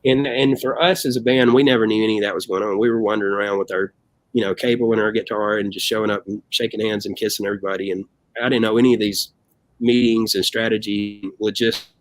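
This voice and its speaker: Animated man telling stories. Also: lowish voice, fast, no room sound, rough recording. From United States. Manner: animated storyteller, acts out quotes, says "man" often. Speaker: band member guest. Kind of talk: casual storytelling interview.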